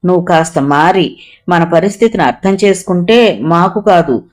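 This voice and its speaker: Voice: medium pitch, normal speed, darkish tone, lightly acted. Reader voicing an earnest young daughter.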